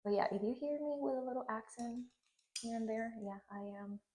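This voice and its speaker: Brisk and warm, with a slightly high voice, a Puerto Rican woman in her thirties demonstrates a hairstyle in Spanish marked by her Puerto Rican accent. Her instructive style includes frequent "okay?" check-ins.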